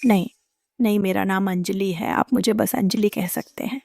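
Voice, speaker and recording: A woman's voice: medium pitch, steady tone, moderate pace, creaky, darkish tone, soft background music. A woman voicing a traumatized young woman in a dubbed drama, speaking in a fearful, pleading way. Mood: timid.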